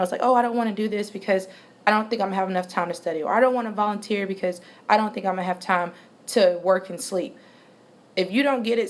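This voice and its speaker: A woman in her twenties giving a casual vlog update, chatty and rambling, with many ums and restarts. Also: fairly low pitch. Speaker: vlogger.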